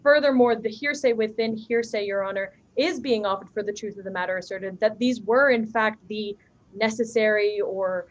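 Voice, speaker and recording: A woman's voice: mid-range voice, normal speed, muffled recording. A young woman trial advocate making a firm, argumentative legal objection in a formal courtroom, with a few restarts, heard through a courtroom recording.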